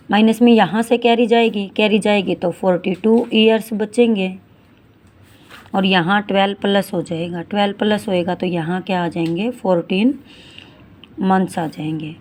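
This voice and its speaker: A woman in her forties teaching a maths lesson, reading English word problems slowly and explaining each step in Hindi, calling her students beta. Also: mid-range voice, darkish tone. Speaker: math teacher.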